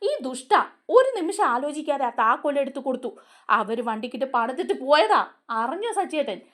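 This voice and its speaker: An angry young man from a TV serial hurls accusations in a raised, lively voice, as a woman narrator acts him out. The voice sits high and swings widely in pitch. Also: fairly quick. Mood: accusing.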